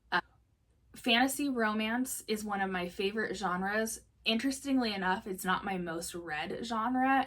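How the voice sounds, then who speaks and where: A woman's voice: medium pitch, fairly bright tone, distant mic. A young woman chatting to camera about books, laughing often and acting out her own thoughts. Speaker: book vlogger. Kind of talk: casual chat to camera.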